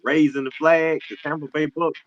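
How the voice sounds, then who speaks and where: A man with a fairly high voice chats about sports in casual street slang. He is blunt and repeats phrases to drive them home. The recording is slightly dull, with faint noise. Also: little pitch movement, normal speed.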